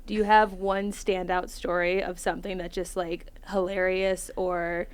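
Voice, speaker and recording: A woman co-hosting a podcast, asking chatty, halting questions with lots of fillers. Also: fairly low pitch, flat delivery, clean tone. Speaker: podcast co-host. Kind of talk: casual interview.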